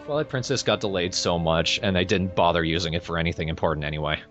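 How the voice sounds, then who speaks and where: A man with a deep voice talks fast, hosting a let's play and trading casual, dry, profanity-laced banter with a co-host. The recording is muffled, with the video game's soundtrack playing beneath him.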